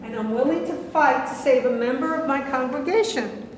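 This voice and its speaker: In a staged play, a woman reads the part of a righteous congregation woman, sounding preachy and reproachful. Her voice sits high and is close to everyday speech, at a normal speed, with a little hiss or hum. She's recorded from a distance in an echoey hall.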